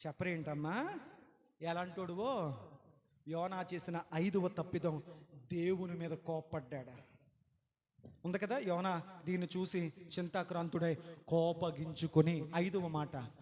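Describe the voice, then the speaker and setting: A man preaching a sermon, animated, acting out quoted voices and putting questions to the congregation. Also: high voice, a little slow, long pauses. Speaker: pastor. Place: church hall. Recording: reverberant church hall.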